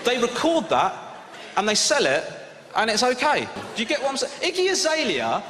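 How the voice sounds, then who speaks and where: A man ranting scornfully as a commentator, animated and mocking. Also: very high voice, moderate pace. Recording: echoey hall with faint noise.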